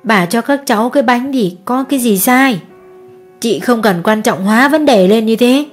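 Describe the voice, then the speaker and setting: A woman voicing a kindly old grandmother who speaks softly and calmly. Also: fairly high pitch, normal speed, faint music behind. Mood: gentle. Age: older. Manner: soft, calm, gentle.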